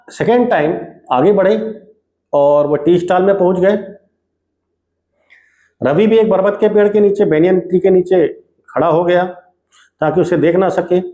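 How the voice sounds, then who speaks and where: A male teacher retelling a textbook story in a casual lesson, often pausing to check in with his listeners. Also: high-pitched, darkish tone. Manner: casual storytelling with frequent check-ins like "okay". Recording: echoey room.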